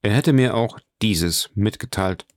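A man's voice: fairly low pitch, no echo, studio quality, close to an everyday voice. A man voicing a grave, composed count. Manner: measured and solemn.

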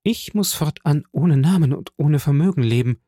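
A man's voice: a little high, animated, moderate pace, dark tone, dry recording, clean studio sound. A man voicing a proud, resolute young nobleman.

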